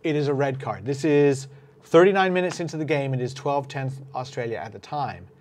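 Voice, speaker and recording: A man's voice: mid-range voice, fairly quick, a little mellow, a little hiss or hum. A man hosting a casual sports podcast, recapping a rugby match in a conversational way with many fillers. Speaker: podcast host.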